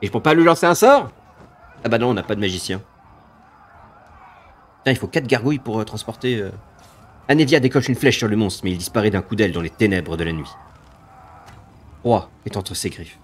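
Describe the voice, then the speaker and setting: A man's voice: on the low side, animated, a little fast, long pauses. A man hosting a let's play, switching between offhand commentary and dramatic reading of game narration.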